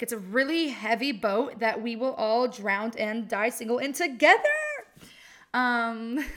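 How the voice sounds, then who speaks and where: A twenty-something woman with a fairly high, bright, forceful voice hosts a casual solo podcast. She's talkative and self-mocking, with frequent laughter and lots of likes and ums.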